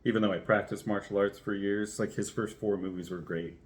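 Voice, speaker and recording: A man's voice: lowish voice, steady tone, brisk. A man talking casually in a personal vlog, telling anecdotes and thinking aloud with some hesitation. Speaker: vlogger, first-time ice bath participant.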